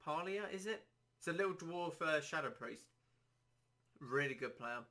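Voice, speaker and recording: A man hosting a casual solo podcast, rambling and self-deprecating, his throat a little dry and hoarse. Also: fairly high pitch, expressive, moderate pace, bright, forceful tone. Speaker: podcast host.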